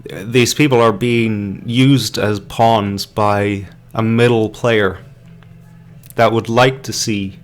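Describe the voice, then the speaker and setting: An Irish man hosts a casual live-stream podcast, rambling in slow, halting commentary packed with fillers, restarts and the odd swear word. His voice sits somewhat low, and he drinks beer between thoughts. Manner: drinking beer while talking. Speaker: podcast host.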